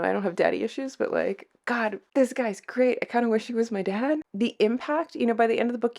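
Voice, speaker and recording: A woman's voice: medium pitch, vocal fry, a little mellow. A woman chatting casually to viewers as a book vlogger giving a review.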